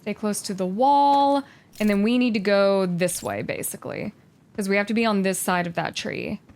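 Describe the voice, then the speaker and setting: A woman hosting a let's-play, thinking aloud with curiosity as she narrates her moves, sometimes dropping to a hush. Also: mid-range voice, expressive, moderate pace. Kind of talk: casual gameplay commentary. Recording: faint game music behind.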